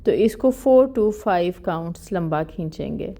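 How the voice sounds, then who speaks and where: A woman teaching tajweed in an online lesson, explaining each rule plainly and reciting verses slowly and drawn out. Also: on the low side, expressive, mellow. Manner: explains rules plainly, mixing in English words.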